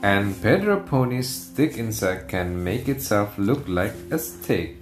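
A man's voice: fairly low pitch, lively intonation, slow pace. A man reading a children's story aloud and addressing young viewers in simple words, like a kids show host. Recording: echoey room with music. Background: guitar music.

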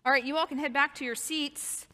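A woman's voice: sits high, fairly even intonation, a little fast, sharp tone, a little hiss or hum. A woman pastor speaking sweetly and patiently to children, like a Sunday school teacher leading a children's sermon. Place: large reverberant church. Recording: reverberant church hall.

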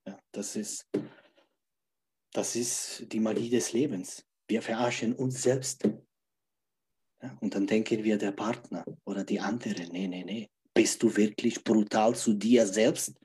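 A man's voice: lowish voice, steady tone, unhurried, dark tone. Man, podcast guest, emphatic, repeats phrases, keeps asking "ja?". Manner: repeats key phrases, laughs between phrases. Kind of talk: podcast conversation.

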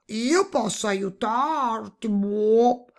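A woman voicing a big, cheeky male toad who croaks between his words in a storybook reading. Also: fairly high pitch, extremely slow, voice pushed up. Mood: pleading, cheeky. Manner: breaks lines with a croaking "boh".

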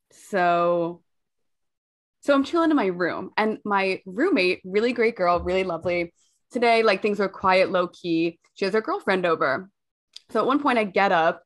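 A hungover young woman co-hosting a podcast, chatting casually and telling stories in a candid, self-mocking way with loose swearing. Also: medium pitch. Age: young adult. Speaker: podcast co-host.

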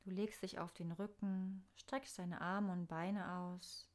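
A woman narrating a scripted guided meditation in a soft, soothing, unhurried manner with pauses. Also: lowish voice, fairly even intonation.

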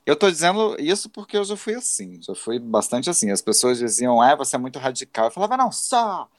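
A man's voice: mid-range voice, expressive, fairly quick, no room sound, studio quality. A man in his thirties with a Brazilian accent, co-hosting a casual podcast chat. He is reflective and self-critical, and he often restarts his sentences. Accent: Brazilian Portuguese. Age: 30s.

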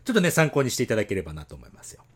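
A man co-hosting a casual podcast chat, animated and teasing, laughing often. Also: mid-range voice, racing, husky. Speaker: podcast co-host.

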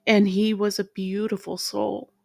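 A middle-aged woman hosting her own podcast, speaking in a halting, heartfelt way as she gets emotional. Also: medium pitch, flat delivery, creaky, faint music behind. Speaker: podcast host. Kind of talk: emotional solo podcast tribute.

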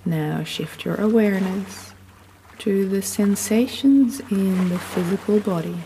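A woman giving soothing, unhurried sleep story narration, gently guiding the listener through relaxation. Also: medium pitch. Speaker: guided sleep meditation narrator. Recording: long reverb, audible background noise.

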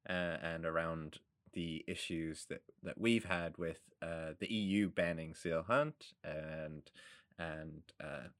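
A man's voice: very deep voice, steady tone, slow pace, a bit bright, no room sound, clean studio sound. A man from Canada co-hosting a podcast, speaking casually with hesitant restarts. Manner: hesitant restarts, laughs along. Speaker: podcast co-host.

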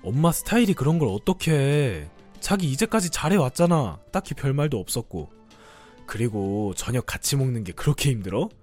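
A man plays a young husband in a cartoon story drama, defensive and dismissive as he sides with his mother. His voice rises and falls widely, with soft music behind. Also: medium pitch, big pitch swings, fairly quick.

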